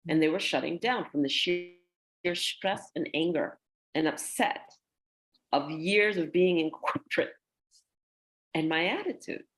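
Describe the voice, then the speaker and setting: A woman's voice: low voice, measured pace, long pauses. A woman, a guest, telling her story in a conversational way and acting out the people she quotes. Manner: animated, acts out quoted dialogue.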